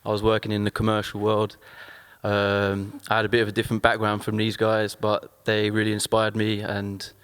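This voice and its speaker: A man from Costa Rica speaking in a modest, low-key way as an interview guest. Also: monotone, moderate pace, a bit bright, clean tone, in a large hall. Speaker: crew member guest. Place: small DIY studio.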